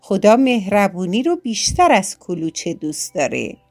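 A woman voicing a kind, wise little hedgehog in a children's story, giving gentle advice. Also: mid-range voice, very animated, soft background music. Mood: advising.

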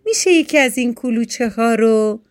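A woman's voice: on the high side, natural voice. A woman voicing a friendly mother squirrel in a children's story, speaking cheerfully and politely.

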